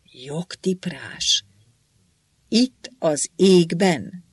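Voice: mid-range voice, expressive, husky, no room sound, studio quality. A narrator voicing a stern male archangel commander who snaps demanding questions in an audiobook. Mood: probing.

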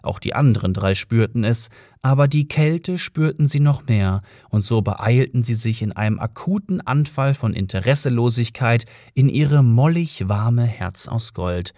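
A man reads an audiobook aloud in a measured storytelling manner, letting the dry humour of the text come through. His voice sits at a medium pitch, and the recording is close and dry with no room sound. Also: lively intonation, mellow, dry recording. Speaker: audiobook reader. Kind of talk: audiobook narration.

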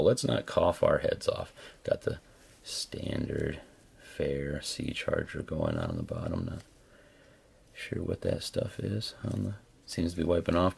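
Very deep, gravelly-voiced man reviewing casually. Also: a little mellow. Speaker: product reviewer. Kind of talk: casual hands-on video review.

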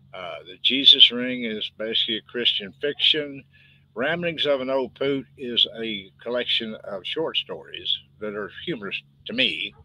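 Over poor, dry audio, an older West Texas author holds a relaxed live-stream conversation about his own books, wandering off in a folksy, twangy way. His medium-pitched voice comes across bright and forceful.

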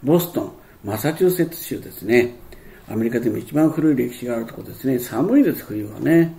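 A male teacher with a gravelly, mellow voice works slowly through a textbook. He rambles, restarts his sentences and fills the pauses. His first language is Japanese. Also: medium pitch, lively intonation, slight background noise. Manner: rambling and hesitant, many fillers and restarts. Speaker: English teacher. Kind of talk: explaining a textbook lesson.

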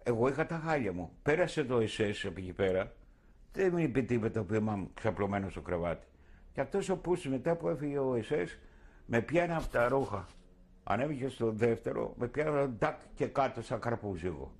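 A man's voice: mid-range voice, lively intonation, a little mellow, slightly rough. An older man in an oral history interview, recounting his past vividly and acting out his own words.

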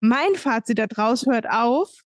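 Woman, thirties, podcast co-host, frank emphatic casual talk, somewhat high voice. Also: animated, slow, no echo, studio quality. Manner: frank, emphatic, plain-spoken. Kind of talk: casual chat. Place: home room, indoors. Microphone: studio mic on arm, video call.

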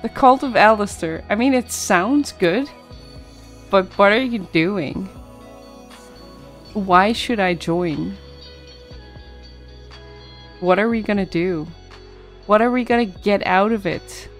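A woman's voice: medium pitch, slow, long pauses, faint music behind. A woman streamer chatting casually with her viewers, reacting to chat with frequent laughter and yawning from tiredness.

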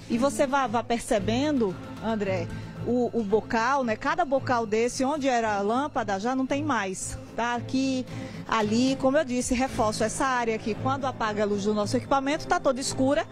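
A young woman gives an unscripted live news report as a field reporter on a handheld microphone. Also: a little high. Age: young adult. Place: outdoors at night and open residential garage. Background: music.

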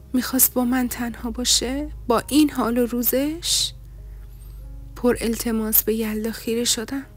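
A woman narrating a novel in the first person, in a soft delivery that often drops to a breathy half-whisper. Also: fairly high pitch. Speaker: audiobook narrator.

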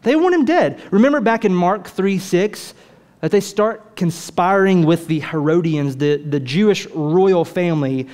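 A man preaching a sermon in a lively, conversational way, full of rhetorical questions to the congregation. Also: high-pitched, unhurried. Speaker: pastor.

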